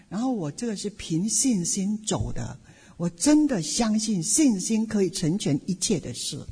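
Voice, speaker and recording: A middle-aged woman pastor giving a personal testimony sermon, telling her story in an animated way with playful asides. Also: medium pitch, husky. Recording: long hall reverb.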